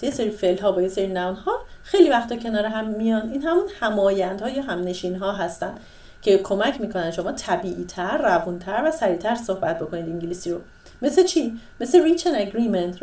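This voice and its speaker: A woman teaching English vocabulary in Persian, explaining step by step and reading English phrases out slowly. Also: mid-range voice, darkish tone, echoey room, far from the mic.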